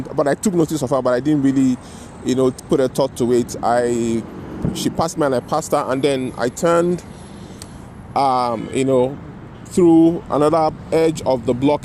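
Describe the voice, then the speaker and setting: Vlogger, male, slightly high voice, casual rambling storyteller outdoors with faint traffic behind. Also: warm tone. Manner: rambling, frequent "you know" and "right?" tags. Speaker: vlogger telling a personal story.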